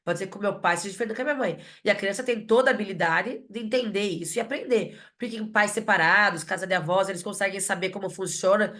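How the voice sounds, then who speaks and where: A woman's voice: mid-range voice, fast, few pauses, a bit bright. A woman, a mother and psychologist, talking reflectively in a casual podcast chat, often checking in with tag questions.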